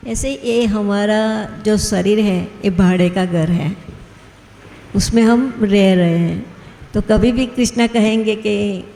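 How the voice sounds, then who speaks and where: Woman giving a devotional talk, kinda gravelly voice, chuckles through her stories, echoey hall with long reverb. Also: medium pitch, slow pace, mellow. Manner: storytelling, chuckles often. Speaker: guest speaker at a devotional gathering.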